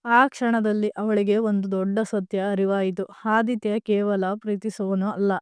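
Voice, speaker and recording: A woman narrating a family drama story in a gentle, even reading voice, with a few restarts. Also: medium pitch, moderate pace, clear, resonant tone, no room sound.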